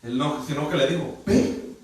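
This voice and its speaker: A man's voice: on the high side, normal speed, darkish tone. A man preaching a sermon as pastor, animatedly acting out Bible dialogue. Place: church hall. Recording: echoey church hall, distant mic.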